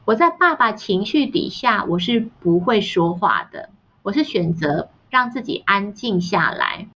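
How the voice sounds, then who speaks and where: Woman telling lively family stories. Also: mid-range voice, measured pace. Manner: lively anecdotes, mimics family members' voices. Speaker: parenting author and podcast guest. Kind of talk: storytelling in a podcast interview. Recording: slightly dull, muffled sound.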